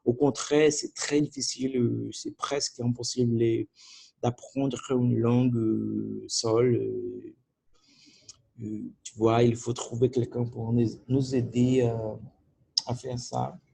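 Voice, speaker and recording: At home beside his computer, a man whose first language is Portuguese keeps a video diary in French, speaking as a learner with a Portuguese accent. He halts, hunts for words and restarts repeatedly, in a mid-range, creaky, dark-toned voice with a breathy edge and a flat delivery.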